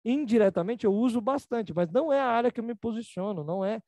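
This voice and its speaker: A man's voice: fast, mellow, dry recording. A man with a Brazilian Portuguese accent teaching a live online class in a casual, slangy way. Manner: casual and slangy, mimics others in a higher voice. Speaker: emotional reprogramming teacher. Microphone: video call.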